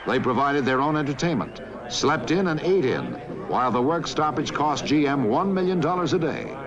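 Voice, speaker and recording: A man narrating a scripted historical newsreel documentary in a measured, authoritative way. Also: on the high side, lively intonation, crowd noise, low-quality recording. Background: background music.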